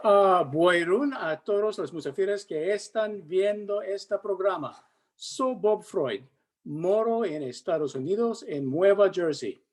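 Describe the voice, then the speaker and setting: An older retired man and language student, introducing himself with careful, halting speech. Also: sits high. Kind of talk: reading a dialogue and self-introduction.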